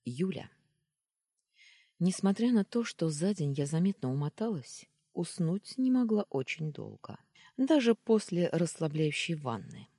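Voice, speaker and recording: A woman narrating a novel in the first person with an expressive reading. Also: fairly low pitch, a little slow, breathy edge, no echo, studio quality. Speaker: audiobook narrator.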